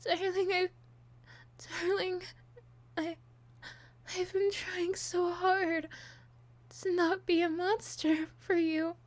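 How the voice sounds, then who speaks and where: A woman voicing a possessive, obsessive young monster girl in love, an unhinged, clingy villainess, in an ASMR role-play with breathy hushed stretches. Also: on the high side, steady tone, slow pace, long pauses, no echo. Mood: tearful, desperate.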